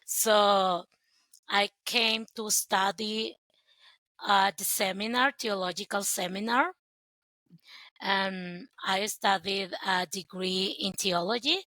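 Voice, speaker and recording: A young woman, sharing her story as a guest in sincere, halting phrases. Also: mid-range voice, sharp tone, no echo, rough recording. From El Salvador. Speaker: guest, sponsorship coordinator. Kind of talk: earnest personal testimony.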